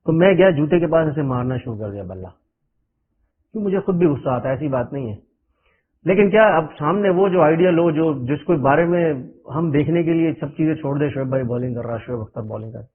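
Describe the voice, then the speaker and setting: A middle-aged man from Pakistan spins anecdotes in an animated way, with run-on sentences and frequent chuckles. His voice sits a bit higher than most men's. The sound is squeezed thin, like a phone line carried over radio. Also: breathy edge. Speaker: cricketer guest. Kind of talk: anecdotal interview storytelling. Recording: narrow phone-like radio audio.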